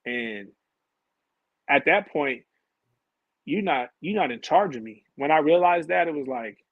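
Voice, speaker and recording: Interview guest: husky-voiced man, mid pitch, animated and slangy, dry recording. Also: a little slow, no room sound, narrow, tinny audio. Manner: animated, slangy storytelling, acts out his own past conversations. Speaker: interview guest, former college and pro basketball player. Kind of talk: casual storytelling interview.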